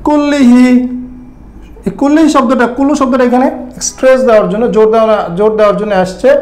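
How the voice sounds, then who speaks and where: In an online Arabic grammar lesson, a man with a high-pitched voice walks his students through each point step by step. He repeatedly asks "right? clear?" to make sure they follow, and the room he's in is echoey.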